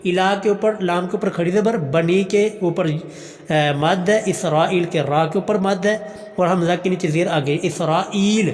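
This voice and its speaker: High-voiced man teaching Quran recitation. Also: steady tone, big-room sound. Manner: slow melodic recitation alternating with quick explanation. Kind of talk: Quran pronunciation lesson, chanting verses then explaining.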